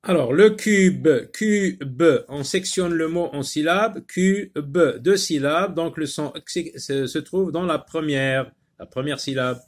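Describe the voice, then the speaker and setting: A man gives a slow phonics lesson to young learners, sounding out each word again and again. His voice sits a little on the high side, and he takes his time with frequent pauses and fillers. He stays patient and repetitive throughout. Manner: slow, patient, repeats words syllable by syllable with many fillers. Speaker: teacher.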